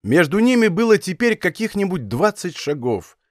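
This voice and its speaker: Building suspense during a chase scene, a male audiobook narrator reads an adventure novel from a script in a measured, dramatic manner. His pitch swings widely, and his voice sits a touch high for a man. The studio recording is close and dry, with no echo or room sound.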